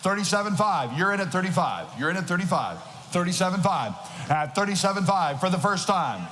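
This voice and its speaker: A man's voice: high voice, very animated, brisk, a bit bright. A man working as an auctioneer, calling bids in an insistent, rhythmic chant of repeated numbers and filler phrases. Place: large auction hall. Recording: echoing hall PA with noisy ambience.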